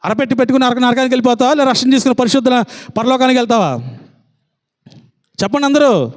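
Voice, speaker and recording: Fervent high-voiced male preacher. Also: animated, quick pace. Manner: fervent, rhetorical questions. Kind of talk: sermon.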